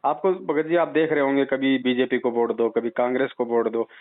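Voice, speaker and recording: Over a tinny, band-limited phone line, a man acting as a spiritual advisor responds to a caller's doubts. His mid-range voice is level and fairly quick as he gives religious advice in an insistent, admonishing way, driving his points home with rhetorical questions.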